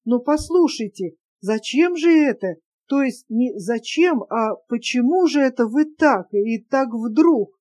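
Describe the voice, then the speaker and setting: A young woman torn between hurt and disbelief, pleading question after question, as a woman reads her aloud. The voice is mellow and soft-toned, sitting fairly high. It belongs to a spoken audiobook. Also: lively intonation, measured pace, few pauses. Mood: flustered. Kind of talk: audiobook character reading.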